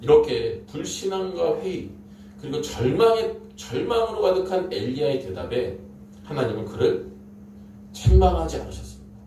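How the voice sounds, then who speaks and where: A man's voice: on the high side, very animated, normal speed, mellow. A man preaching a sermon, telling the story dramatically and emphatically with repeated phrases. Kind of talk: Korean sermon. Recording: echoey room, distant mic, faint noise.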